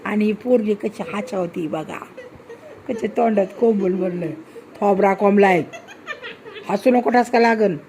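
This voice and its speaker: A woman vlogger films her daughter during a meal at home, chatting casually and teasing and coaxing her while laughing often. Her mid-range voice is warm, a little slow, and broken by frequent pauses.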